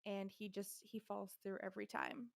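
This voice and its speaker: A woman's voice: mid-range voice, flat delivery, normal speed, gravelly, dry recording. A young adult woman co-hosting a podcast, talking frankly and laughing through tough family stories. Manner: frank, laughs while telling hard things. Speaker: podcast co-host. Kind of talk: casual chat.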